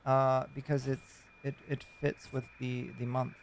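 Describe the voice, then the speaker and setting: A man's voice: medium pitch, flat delivery, measured pace. A man giving casual, playful live game commentary, sprinkled with goofy nonsense words. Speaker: game streamer. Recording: clearly noisy background.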